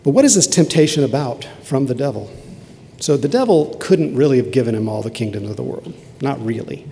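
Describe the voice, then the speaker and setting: A man preaching a sermon, with emphatic rises and quiet, low asides. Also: animated, fairly quick. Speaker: pastor. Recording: long hall reverb.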